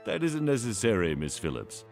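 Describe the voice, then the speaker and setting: A grave, dignified colonial officer for a history cartoon. The voice sits low and moves expressively, with formal, stately phrasing. Prominent music plays behind it. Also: male voice, wildly swooping pitch, normal speed, darkish tone. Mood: gracious, formal. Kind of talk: animated history cartoon acting.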